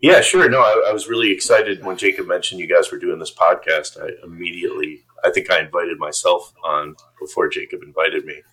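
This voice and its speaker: A man's voice: low voice, a little fast, hardly any pauses, bright, forceful tone, husky, rough recording. A man in his fifties from upstate New York, a podcast guest chatting casually and self-deprecatingly about his life. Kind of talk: casual interview chat.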